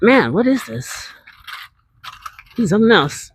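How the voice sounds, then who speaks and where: A chatty live streamer talks while walking and scootering outdoors through a big city, rambling freely and answering viewer chat along the way. The voice sits at a middling pitch. Faint outdoor noise hums underneath. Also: big pitch swings, unhurried. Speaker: IRL streamer.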